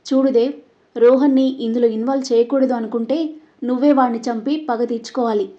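A woman voicing a furious, vengeful old grandmother who shouts commands in a storybook narration. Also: fairly high pitch, flat delivery, fairly quick, lo-fi sound, lightly acted.

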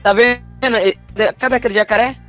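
A man talking in casual gaming banter over an online voice chat that glitches and breaks up, excited and swearing loudly. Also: very high-pitched, quick pace, faint music behind.

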